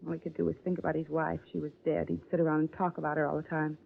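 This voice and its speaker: Deep-voiced and speaking very fast with vocal fry, an actress portrays a middle-aged suspect in a 1950s radio drama who denies it all, then flatly confesses to murder. The old transcription sounds narrow and phone-like, with a little hiss or hum.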